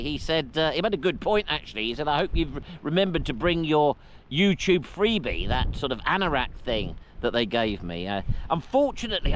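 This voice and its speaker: A man presenting an outdoor vlog, chatty and self-mocking, recorded on a camera mic on an exposed hilltop. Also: medium pitch. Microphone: camera mic carried outdoors. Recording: heavy wind and rain noise outdoors.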